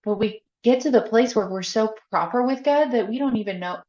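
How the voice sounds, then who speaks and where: A woman's voice, a little high and darkish in tone, comes through echoey, slightly dull podcast audio at a somewhat fast pace. She's a faith coach guesting on the show, speaking frankly in a casual chat, with frequent laughter and many uses of "like."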